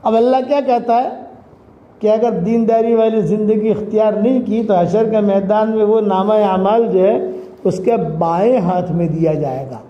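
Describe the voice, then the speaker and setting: A man preaching a sermon, shouting exhortations and chanting scripture. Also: high voice, echoey room, muffled recording.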